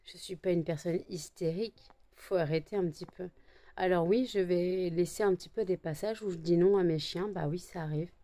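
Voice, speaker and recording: A French woman vlogging casually to camera, with a high, shrill voice, tired and barely awake, rambling with many fillers and restarts. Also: a little fast, mellow.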